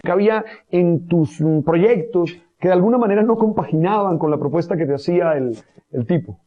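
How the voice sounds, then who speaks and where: A man, a priest, hosting a Sunday religious talk show and interviewing a guest with a warm, pastoral manner. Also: high-pitched, a little fast, narrow, tinny audio. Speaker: priest and radio host.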